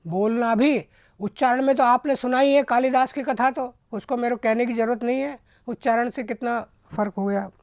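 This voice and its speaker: A man giving a devotional discourse as a spiritual teacher, who talks slowly and deliberately and repeats words for emphasis. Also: extremely high pitch, no room sound, clean studio sound. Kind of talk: devotional discourse with pronunciation lessons.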